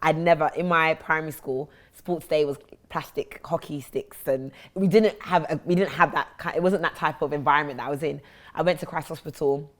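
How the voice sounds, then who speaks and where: Low-voiced South London woman. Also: steady tone, a little fast. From South London, England. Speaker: interview guest. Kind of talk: personal storytelling in an interview.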